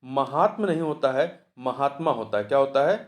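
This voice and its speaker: A man's voice: mid-range voice, lively intonation, normal speed. A man working through the answers of a Hindi exam practice test as tutor, asking questions and then answering them himself, going over each answer step by step. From India.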